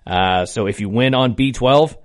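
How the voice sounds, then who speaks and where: A man working as a bingo caller on local radio, announcing informally and calling out numbers deliberately. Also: mid-range voice. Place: radio studio.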